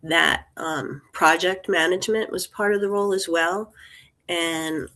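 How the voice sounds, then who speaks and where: A woman's voice: on the low side, fairly even intonation, measured pace, pushed and bright. A woman in her sixties, an interview guest, talking in a thoughtful, meandering way with restarts and small laughs. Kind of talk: casual interview talk.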